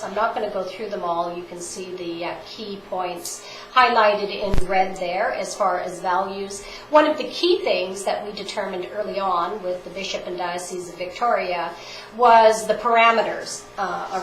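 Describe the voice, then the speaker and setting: Woman, stuffy from a cold, executive presentation, filler ums, echoey council chamber, steady background noise. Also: medium pitch. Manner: many filler ums and uhs. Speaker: hospital president and CEO. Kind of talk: formal presentation to a town council.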